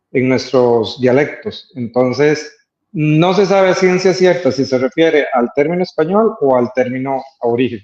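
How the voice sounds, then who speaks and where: A man with a Costa Rican accent, speaking as an interview guest about his life as an artist, thoughtful and hesitant with many filler pauses. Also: a little high, darkish tone. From Costa Rica. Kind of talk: interview conversation. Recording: roomy, slightly dull sound.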